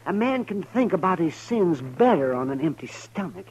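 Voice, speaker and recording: Doc, high-voiced crusty frontier doctor. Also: male voice, big pitch swings, normal speed, crowd noise. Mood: gleeful needling. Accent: American. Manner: dry, teasing, high-pitched. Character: crusty, needling, sardonic frontier town doctor. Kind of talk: 1950s radio western acting. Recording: dull, noisy vintage radio recording.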